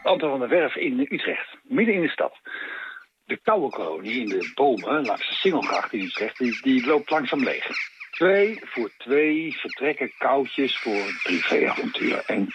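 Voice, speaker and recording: A man's voice: mid-range voice, moderate pace, a little hiss or hum. A man calling in to a radio show, describing what he saw in a storytelling way. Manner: lively, storytelling. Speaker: caller. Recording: dull phoned message over music.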